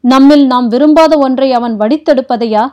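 A woman's voice: high voice, moderate pace, lo-fi sound, natural voice. A woman voicing a proud, fiery young princess who speaks sharply and defiantly, read for an audiobook. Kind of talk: audiobook character reading.

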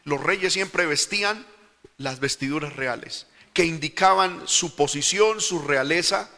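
A man's voice: on the high side, unhurried, pushed and bright, big-room sound. A man preaching a fervent sermon, again and again calling his listeners brother.

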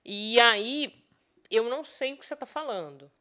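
Woman sales expert chatting on a podcast, bright crisp voice, lively, does little voices for people. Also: fairly high pitch, normal speed. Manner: animated, acts out quoted speech in other voices. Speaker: neurosales specialist, podcast guest. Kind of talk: casual podcast conversation.

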